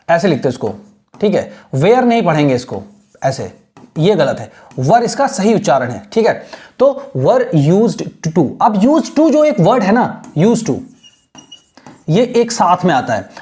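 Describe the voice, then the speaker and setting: A man teaching an English lesson in mixed Hindi and English, asking rhetorical questions and repeating words slowly to show how they are pronounced. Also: sits high, darkish tone. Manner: asks rhetorical questions and answers them.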